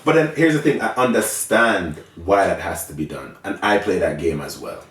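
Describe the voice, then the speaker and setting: A Jamaican filmmaker giving a candid interview, lively, often acting out other people's voices. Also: male voice, low voice, normal speed, far from the mic. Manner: animated, acts out voices of others mid-sentence. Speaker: filmmaker and show creator. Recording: roomy sound, mic set back.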